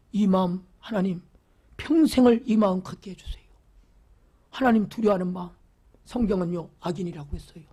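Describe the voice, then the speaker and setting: In a mid-range voice, a pastor gives an impassioned church sermon full of repeated phrases and questions aimed at the congregation, falling from loud exclamations to whispers.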